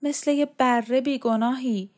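A woman's voice: sits high, fairly even intonation, voice pushed up, close to an everyday voice. A woman voicing a tense, reluctant young man who speaks in a soothing but curt way in a storybook reading.

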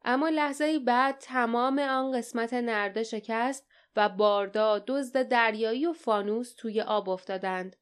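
A woman narrating an audiobook in a steady, dramatic storytelling style. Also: fairly high pitch, clear, resonant tone. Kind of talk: scripted narration.

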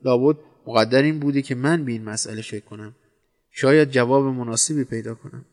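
A man's voice: mid-range voice, darkish tone. Man narrating a wry story.

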